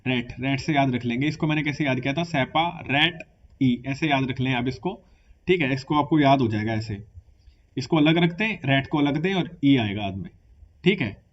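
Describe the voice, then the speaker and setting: A man's voice: mid-range voice, lively intonation, moderate pace, highs cut off. A young man teaching exam vocabulary, explaining patiently in mixed with English terms and often checking in with "theek hai". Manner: explaining patiently, mixing English words into Hindi, repeating "ठीक है".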